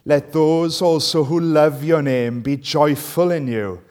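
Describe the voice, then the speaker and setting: A Welsh man whose first language is Welsh preaches and reads scripture in a slightly high, slow, somewhat mellow voice. He keeps a conversational tone, checking in with listeners through rhetorical tag questions.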